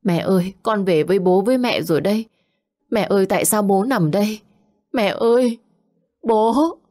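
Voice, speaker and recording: A woman's voice: mid-range voice, moderate pace, dark tone, voice pushed up, lightly acted. A woman voicing a young grieving daughter who cries out and sobs in a told story. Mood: sobbing. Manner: crying out, wailing.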